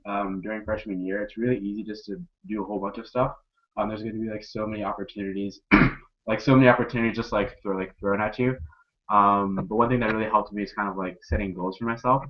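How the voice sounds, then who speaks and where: A young man, a student peer advisor, talking casually on a panel with many ums and likes. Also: lowish voice. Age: young adult. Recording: dull lo-fi audio.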